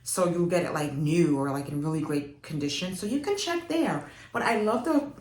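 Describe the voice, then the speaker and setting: A young fashion vlogger from Jamaica who grew up in New York chats casually to camera about fashion, laughing often and leaning on lots of fillers. Her low-pitched voice is animated and darkish, moving at a moderate pace, and the room sounds echoey.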